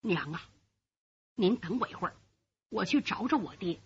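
A woman's voice: mid-range voice, expressive, moderate pace, dull audio, a little hiss or hum, voice pushed down, lightly acted. A woman storyteller voicing a young man, a devoted son who is earnest and urgent.

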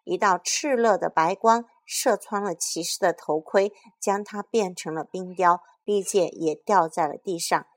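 A woman reading a children's storybook aloud in a soft, lively storytelling manner. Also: fairly low pitch, a little slow, hardly any pauses.

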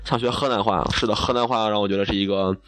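A man's voice: fairly low pitch, steady tone, fast talker, fairly bright tone. A young man from Xi'an, telling funny stories in a chatty, self-mocking way. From Xi'an, China. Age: young adult. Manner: chatty, self-mocking, laughs at own jokes. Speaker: broadcasting student. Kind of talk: casual storytelling monologue.

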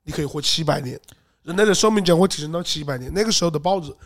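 A man's voice: on the high side, very fast. A man co-hosting a podcast in casual chat, telling a story in an earnest, reflective way. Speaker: podcast co-host.

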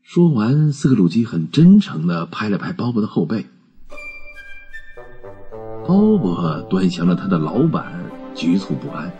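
A man reading a storybook aloud as narrator, in an expressive, gentle telling. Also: low voice, unhurried, long pauses, muffled recording, soft background music.

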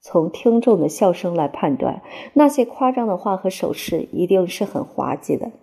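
A woman reads a classic novel in the first person, measured and expressive. Her tone is mellow and dark, with a husky, breathy grain. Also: on the low side. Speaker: audiobook narrator. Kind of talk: literary audiobook narration.

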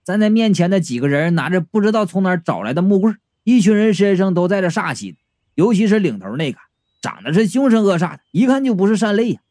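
A man's voice: high voice, expressive, fast, darkish tone, no room sound, studio quality. A man narrating a comic audiobook in first person, wry and chatty.

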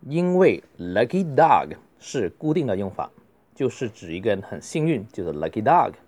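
A man's voice: on the low side, sing-song, a little mellow, dry recording. A man teaching a beginner English class, reading phrases aloud and explaining them in Mandarin with influence. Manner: reads drills slowly, then explains.

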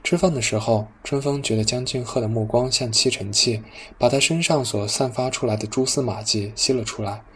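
Man calmly narrating a novel. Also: medium pitch, fairly quick, hardly any pauses, a little hiss or hum. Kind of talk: scripted audiobook narration.

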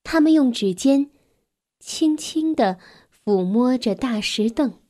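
A woman narrating a bedtime story for children in a gentle, soft way, sometimes dropping to a whisper. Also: high-pitched, animated, takes it slowly.

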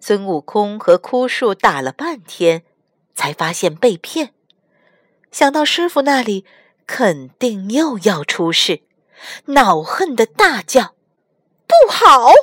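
A woman reading a children's storybook aloud in an expressive, sing-song way, as a storytelling mother. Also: mid-range voice, slow, no room sound, studio quality.

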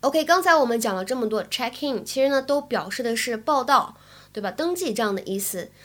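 A woman teaching English in Chinese, explaining phrases with a clear, careful delivery. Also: fairly high pitch, lively intonation, brisk, a bit bright. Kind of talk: language lesson.

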